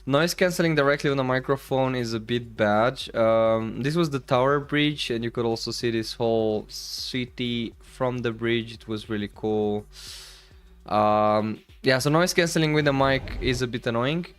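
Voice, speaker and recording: Over vlog footage, a young Balkan man hosts a stream, rambling casually with plenty of fillers and easy laughter. His mid-range voice is smooth and moderately paced.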